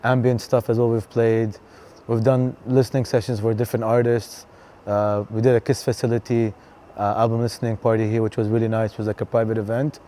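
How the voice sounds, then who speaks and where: A man from Canada, a DJ talking casually in an interview, relaxed and chatty with lots of fillers. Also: mid-range voice, brisk, slight background noise. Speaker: DJ and venue co-founder, guest.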